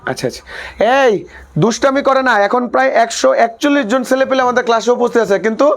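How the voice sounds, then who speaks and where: A man's voice: extremely high pitch, fast talker. Man drilling a lesson with repetition. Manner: drills points by repeating them, with a habitual filler phrase; teasing and playful toward students between explanations. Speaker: online class teacher. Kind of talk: live online lesson.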